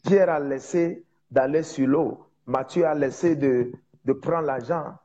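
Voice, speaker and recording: Male evangelist, non-native French speaker with foreign accent; mellow, emphatic and repetitive delivery, dull recording. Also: a little high. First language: not French, speaks it as a second language. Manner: emphatic repetition, halting word searches. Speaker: preacher, prophet. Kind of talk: informal evangelistic teaching.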